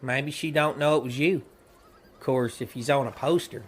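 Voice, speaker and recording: In a comedy audio drama, a male actor plays a cheerful, simple-minded young outlaw sidekick who rambles guilelessly in a folksy rural American Western drawl. The performance is lightly acted, with a medium-pitched voice at normal speed and slight background noise.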